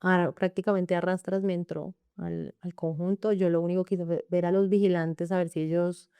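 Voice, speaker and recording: A Colombian-accented woman earnestly tells her own story in an emotional interview, speaking in long run-on sentences and often quoting what others said. Her voice is lowish, dark, clear, and resonant, with a level tone at normal speed and no echo.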